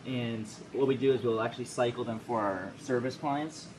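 A man's voice: mid-range voice, normal speed. A man working at a coral store, casually explaining how things run during a walk-through tour. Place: indoor aquarium store room full of tanks. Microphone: handheld camera mic, a few feet away. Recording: noisy shop with constant equipment hum.

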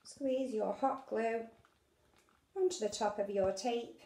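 Talking while her hands stay busy, a middle-aged British woman casually demonstrates a craft indoors at her home dining table. Her voice sits on the high side, warm with some vocal fry, and the room gives off an echo.

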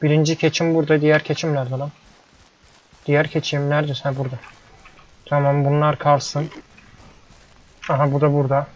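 A man's voice: on the high side, flat delivery, fairly quick, long pauses. A young man playing a ranch game, chatting casually and grumbling at the animals as he plays. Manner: frustrated, grumbling, talks to the animals. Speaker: gameplay YouTuber. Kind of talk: casual let's-play commentary. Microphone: headset microphone. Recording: dull lo-fi headset mic with faint noise.

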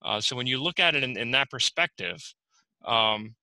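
A man, the borough manager, reporting at a virtual council meeting, halting with many fillers and restarts. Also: medium pitch, expressive, sharp tone, dry recording, low-quality recording. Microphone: video call.

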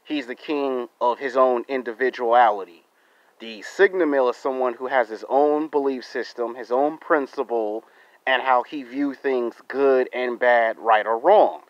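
American male vlogger, thirties, mid-pitched, deliberate emphatic phrasing, dry lo-fi phone sound. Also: no echo. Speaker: YouTube vlogger. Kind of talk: monologue to camera for subscribers. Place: outdoors in a residential yard. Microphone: phone held close to the face. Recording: dull, lo-fi phone audio.

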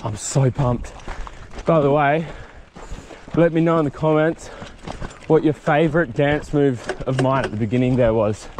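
A man's voice: medium pitch, measured pace, a little mellow, a little hiss or hum. A young Australian man from South Australia, vlogging casually and jokily with lots of ums while out on bush bike trails. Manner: chatty, rambling, jokey with lots of ums. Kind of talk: casual vlog chat.

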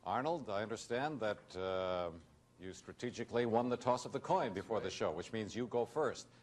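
A man's voice: fairly low pitch, animated, moderate pace. A middle-aged American man hosting a game show, announcing each move with suspense in a commentary style. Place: television studio. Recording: noisy vintage TV studio recording.

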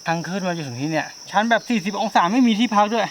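A man's voice: high-pitched, animated, racing, background noise. A young man hosting a casual travel vlog outdoors on a mountain trail, chatty and joking, out of breath from the climb. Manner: chatty, joking, swears with friends. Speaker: travel vlogger.

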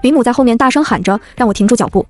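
A woman narrating a web novel in a brisk, fast first-person telling, over background music. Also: fairly high pitch, a little mellow.

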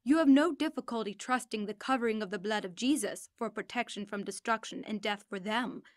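A woman reading an audiobook, voicing God who gently challenges the narrator. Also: medium pitch, brisk, no echo, studio quality, natural voice. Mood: challenging.

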